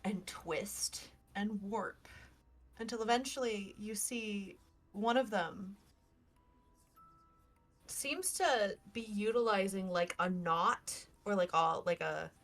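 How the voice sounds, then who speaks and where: A woman narrating a tabletop role-playing game as game master, in halting, suspenseful storytelling. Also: medium pitch, a bit bright. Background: faint music.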